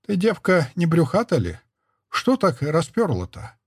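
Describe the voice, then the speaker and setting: A man's voice: a little high, huge pitch swings, unhurried, slightly rough, dry recording, clean studio sound, voice pushed up, heavily acted. A man voicing an old peasant woman, a furious mother-in-law who speaks with a lisp and rustic dialect. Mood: suspicious. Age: older. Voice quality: lisping, village dialect speech.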